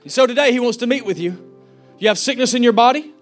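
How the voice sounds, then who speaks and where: A man delivers a fervent sermon in a high-pitched voice, acting out each person he quotes. Soft music plays faintly behind him. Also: fast talker. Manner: fervent, preachy, acts out quotes. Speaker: pastor.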